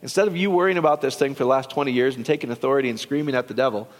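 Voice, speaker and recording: A man's voice: medium pitch, rapid-fire. A man preaching a casual, rambling sermon, talking to the congregation with many restarts and quoted asides. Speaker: pastor. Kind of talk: conversational sermon. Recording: long hall reverb.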